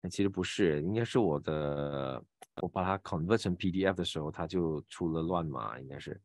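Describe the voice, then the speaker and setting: A man with a Malaysian Mandarin accent teaching pronunciation in an online class, patiently demonstrating each sound with drawn-out repetitions. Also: low voice, darkish tone, no echo, clean studio sound. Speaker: voice acting teacher.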